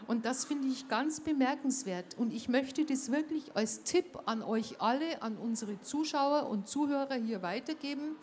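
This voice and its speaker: A woman's voice: sits high, a little mellow, a little hiss or hum. A woman hosting a show, talking to her listeners with emphatic, direct appeals. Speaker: host. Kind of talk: enthusiastic spoken address.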